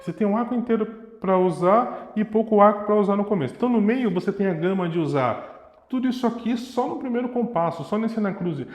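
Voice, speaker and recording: Young violin teacher, slightly high voice, demonstrative, reverberant room. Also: male voice, animated, quick pace, soft background music. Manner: demonstrative, sings and vocalizes rhythms to illustrate. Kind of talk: explanatory music lesson. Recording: echoey room with long reverb. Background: violin playing.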